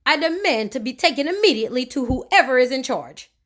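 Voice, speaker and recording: A rude, haughty storybook gentleman, as a woman reader puts him on. He is miserable and curt, snapping indignantly with lively swings of pitch. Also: a little fast. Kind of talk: children's storybook character voice.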